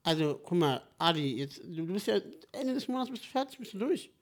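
A young man co-hosting a casual podcast, talking in an animated, jokey, rambling way. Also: sits high, brisk. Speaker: podcast co-host. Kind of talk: casual chat.

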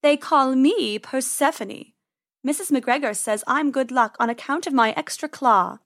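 A woman voicing a sly female farm cat who purrs her words in a slow, menacing drawl. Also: high-pitched, fairly bright tone, no echo, clean studio sound. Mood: silky menace.

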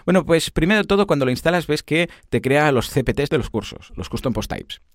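A man in his thirties, explaining software in a casual, animated way full of tag questions and examples. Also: a little high, a little fast, no room sound, studio quality. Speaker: podcast host explaining software.

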